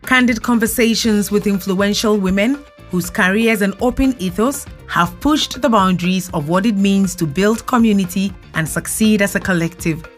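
A woman's voice: mid-range voice, moderate pace, hardly any pauses, faint music behind. A woman who hosts a podcast and works as a journalist, giving a scripted introduction and then asking questions with short affirming interjections.

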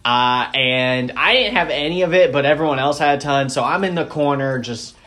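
A man in his twenties hosting a podcast, telling stories casually and jumping into loud acted quotes. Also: mid-range voice, normal speed. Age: 20s. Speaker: podcast host. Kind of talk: casual interview chat.

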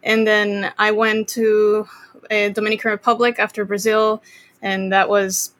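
A woman's voice: medium pitch, measured pace. Chatty young woman from Costa Rica. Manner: relaxed, rambling with many fillers and restarts. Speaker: guest drummer. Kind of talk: casual interview chat.

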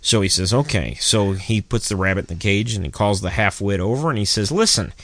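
A man casually telling a folksy joke and chatting about quotes, with lively voices for his characters. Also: on the low side, brisk, dry recording. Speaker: co-host. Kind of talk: casual storytelling chat.

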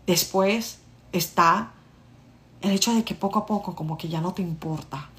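A woman's voice: fairly low pitch, moderate pace, fairly bright tone. A woman, telling her own story in a casual monologue. She speaks to her listeners directly and acts out the dialogue. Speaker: vlogger.

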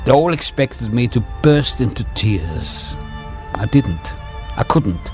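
Faint music sits behind a man in his seventies giving a personal testimony during a radio interview. His medium-pitched, darkish voice has a sing-song quality, and he speaks reflectively and deliberately, with many pauses.

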